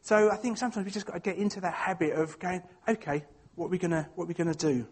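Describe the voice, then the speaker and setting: High-pitched Essex man, chatty church talk. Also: fairly even intonation, fast, a little mellow, husky. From Essex, England. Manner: hesitant, self-deprecating, chatty. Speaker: church speaker. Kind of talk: informal sermon with personal anecdotes.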